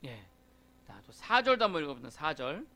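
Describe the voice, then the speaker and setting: A man's voice: a little high, sing-song, brisk, sharp tone. A male pastor preaching a sermon in a church, talking conversationally and often calling out to the congregation. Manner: conversational preaching with frequent call-outs to the congregation. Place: church sanctuary.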